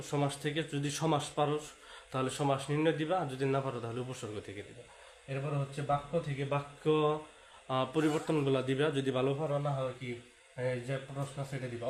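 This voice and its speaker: A man giving an exam-prep lecture to students, repeating key points and mixing in English words. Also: mid-range voice. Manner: repetitive, talks straight to students, sprinkles English words. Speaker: teacher. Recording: echoey room with faint hiss.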